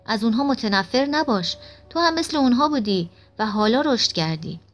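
A woman reading the lines of a calm, wise female guide in an audiobook, speaking gently and reassuringly. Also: on the high side, faint music behind, lightly acted.

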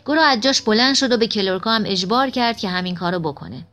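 A woman narrating a story in steady, expressive storytelling. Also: a little high, faint music behind. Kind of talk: audiobook narration.

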